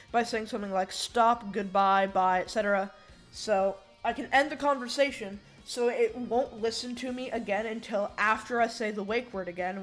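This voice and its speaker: A woman giving a casual, rambling tech demo, with slightly slurred S sounds from braces and a bite plate. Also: on the high side. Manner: informal, rambling, thinking aloud. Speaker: hobbyist programmer demonstrating a project.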